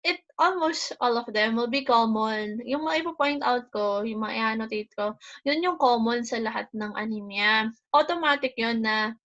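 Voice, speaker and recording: A young woman with a Filipino accent lectures to her class in a fairly high voice. She slips between English and Tagalog in the middle of sentences and adds small checking questions. The sound is slightly dull and lo-fi, like a video call. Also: normal speed, fairly bright tone. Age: young adult. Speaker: teacher. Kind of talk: online lecture, explaining slides to a class.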